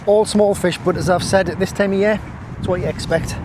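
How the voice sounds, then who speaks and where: Talking a little fast in a high, darkish voice with fairly even intonation, a male angling vlogger chats to camera while fishing outdoors on a windy riverbank. He peppers his casual talk with jokey, self-mocking remarks, filmed by a stand-mounted camera he sometimes leaves.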